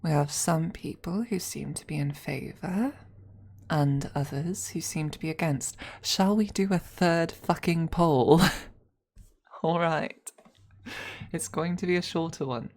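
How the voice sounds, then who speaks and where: A young adult woman streaming, chatting casually and thinking out loud as she plans a role-play with her chat, laughing often and swearing freely. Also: low voice, slow. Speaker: ASMR streamer.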